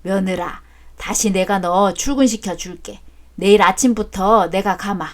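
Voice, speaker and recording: A woman voicing a grumpy older father-in-law who scolds loudly, in a storybook drama. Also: medium pitch, measured pace, natural voice. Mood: coaxing. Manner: loud and scolding.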